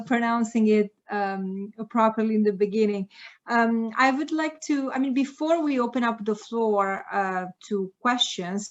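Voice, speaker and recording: A woman's voice: mid-range voice, lo-fi sound. Woman moderating a video meeting. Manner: polite, with many fillers. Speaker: moderator of an online dialogue. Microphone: video call.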